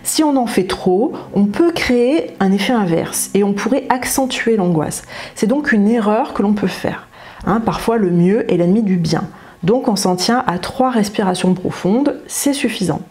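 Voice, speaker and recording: Female psychologist, gentle guided-relaxation delivery, mellow and soft, slow soothing repetitions. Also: medium pitch. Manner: slow soothing repetitions, occasional fillers like "hein" and "euh". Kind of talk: guided breathing and relaxation instruction.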